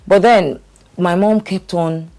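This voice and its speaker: A middle-aged woman candidly telling her life story in conversation, halting with fillers and restarts. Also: on the low side, fairly even intonation, a little mellow. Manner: hesitant, with frequent fillers and restarts.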